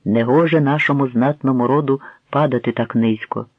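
A man's voice: mid-range voice, steady tone, moderate pace, no room sound, lightly acted. A man voicing an enraged, proud, heavy-set bearded boyar who commands and threatens, on a tinny, dry recording. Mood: commanding. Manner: thundering, imperious. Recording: tinny phone-like dry sound.

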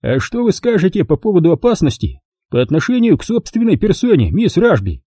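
A man voicing sly, smooth-talking young Robbie. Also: high-pitched, big pitch swings, a little fast, warm tone, no echo, studio quality, pitched above the performer's own voice, full character voice. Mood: sly, coaxing.

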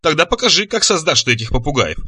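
A man's voice: fairly high pitch, big pitch swings, fast, bright, forceful tone, slightly rough, no echo, recorded from a distance, heavily acted. A man voicing a bold young huntress maiden who speaks in an old-fashioned, spirited way.

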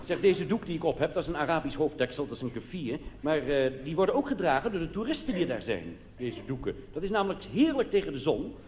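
His fairly high voice has a sing-song lilt, and he talks fast with hardly any pauses. A Netherlands Dutch cabaret comedian, he tells a conversational comic monologue on stage in a theatre, full of colloquial asides, recorded live amid noise and hall reverb.

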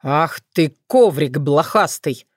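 A woman voicing a wary, exasperated young man in an audiobook, lowering her voice for him. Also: lively intonation, slow pace, no echo, studio quality, exaggerated voice. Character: young man, nervous, easily startled.

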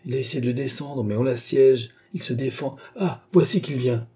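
A man's voice: medium pitch, normal speed, warm tone, breathy edge, pitched above the performer's own voice, natural voice. Man voicing an urgent, indignant noblewoman. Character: commanding noblewoman, brave and indignant.

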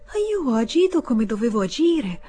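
A woman's voice: fairly high pitch, very animated, normal speed, warm tone, slightly rough, soft background music, pitched above the performer's own voice. A woman voicing an elderly widowed mother who pleads defensively and tearfully.

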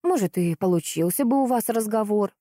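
A woman reading an audiobook voices a calm, conciliatory young wife who speaks gently and evenly. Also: medium pitch, fairly quick, no room sound, studio quality, pitched above the performer's own voice, close to an everyday voice. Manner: gentle, soothing and level.

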